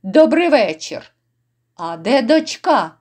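A woman's voice: fairly high pitch, big pitch swings, takes it slowly, exaggerated voice. A woman voicing rowdy, brutal drunken noblemen who jeer and bark orders. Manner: gruff, jeering shouts.

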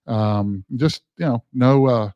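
Man presenting a webinar, quick and full of ums and restarts, dry sound. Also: mid-range voice, dry recording, highs cut off. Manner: fast talking, frequent fillers and restarts. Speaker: guest speaker.

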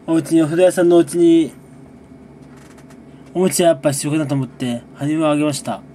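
A man who makes gaming videos, chatting casually through a monthly recap, relaxed and rambling with frequent chuckles between sips of a drink. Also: fairly high pitch, normal speed, slight background noise. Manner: talks while sipping a drink.

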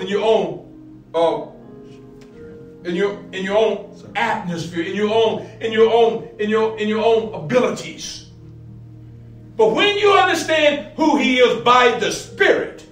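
High-voiced preacher in an echoey room. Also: male voice, fairly bright tone. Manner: repeats phrases, builds to emphatic peaks. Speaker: pastor. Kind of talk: sermon-style Bible lesson. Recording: roomy, distant echo with faint music.

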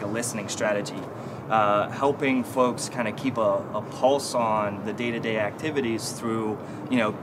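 Man explaining thoughtfully outdoors, city noise. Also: medium pitch. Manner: thoughtful, many fillers and restarts. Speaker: consulting team lead, guest. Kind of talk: corporate interview. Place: outdoor stone bench in an urban courtyard.

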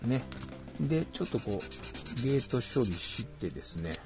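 A man's voice: mid-range voice, sing-song, unhurried, over music. A man with a Kansai accent chatting casually to himself while building a plastic model kit. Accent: Kansai Japanese. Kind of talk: casual hands-on narration.

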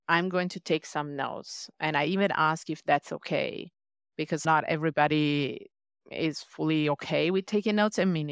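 This leadership coach from Italy talks with an Italian accent in a podcast interview, her manner earnest and reflective as she thinks things through. Her voice sits low with a clear, resonant tone, captured in a clean studio with no room sound.

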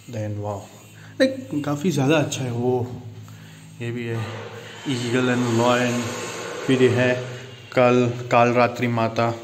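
A male travel vlogger gives a walking tour of an underground temple cave, speaking at an unhurried pace. He exclaims often and slips English words into his Hindi. The sound comes from a handheld phone, with a faint hiss behind him. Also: mid-range voice. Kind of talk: walking tour vlog narration.

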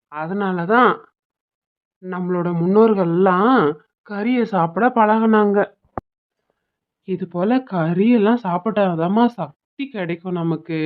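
A woman's voice: medium pitch, natural voice. A woman voicing a patient, indulgent father in a cartoon, speaking in a coaxing way with a southern Tamil Nadu accent. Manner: coaxing, calm lecturing. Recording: tinny phone-like sound.

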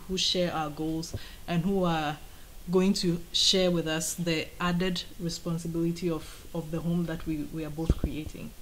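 Low-pitched Ghanaian woman in noisy recording. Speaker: writer being interviewed. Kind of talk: conversational interview answers. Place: indoors on a sofa by shelves of mugs.

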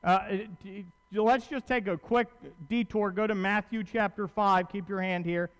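A man in his thirties gives a sermon from a pulpit on stage in a large church auditorium, and long hall reverb trails his words. His voice is high and steady, a bit bright and clean, at normal speed. He is conversational and emphatic, repeating phrases and questioning his listeners.

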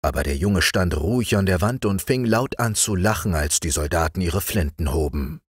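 A man reading a bedtime fairy tale aloud in an animated storytelling manner. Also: deep voice, moderate pace, breathy edge, no room sound, clean studio sound. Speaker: audiobook reader.

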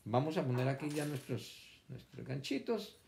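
A man's voice: mid-range voice, lively intonation, moderate pace, gravelly, darkish tone, a little hiss or hum. A man teaching a children's vocabulary lesson, stretching words out syllable by syllable and repeating them for the class to copy.

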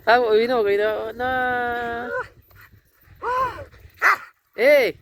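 A man, vlogging outdoors in a village and excitedly calling to a dog. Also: very high-pitched, extremely slow, clear, resonant tone. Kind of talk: casual vlog commentary.

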